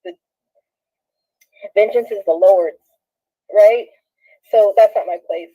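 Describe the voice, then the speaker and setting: A Southern California vlogger in her thirties speaks directly to viewers in an emotional, rambling, slangy monologue, shaky and laughing through tears. Her mid-range voice moves slowly, captured on dull, lo-fi phone audio.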